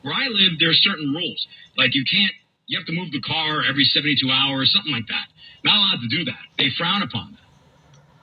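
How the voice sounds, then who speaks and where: On a radio broadcast with faint background noise, a male talk radio host holds forth in an opinionated, emphatic monologue, repeating phrases for effect. His voice is on the high side, animated and a little fast, slightly rough, and the audio sounds dull.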